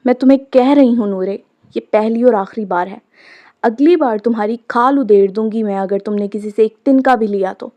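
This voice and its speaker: A woman's voice: fairly high pitch, moderate pace, dark tone, lo-fi sound, natural voice. A woman reading the part of a stern young mother who sharply scolds her daughter in a storybook. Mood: scolding.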